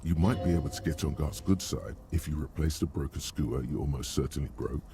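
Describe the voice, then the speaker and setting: A man narrating a video game in a dry, measured way. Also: noisy background. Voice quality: gravelly, deep, measured. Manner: dry, wry asides. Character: wry older male inner-voice narrator, dry and knowing.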